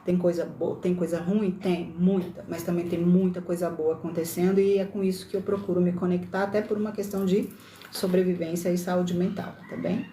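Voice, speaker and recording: Brief: woman, Brasília accent, low mellow voice, chatty live host, roomy echo. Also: level tone, brisk, slight background noise. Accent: Brasília Brazilian Portuguese, slightly mixed. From Brasília, Brazil. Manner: chatty, many tag questions and self-corrections. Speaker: livestream host. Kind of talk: casual livestream talk on spirituality.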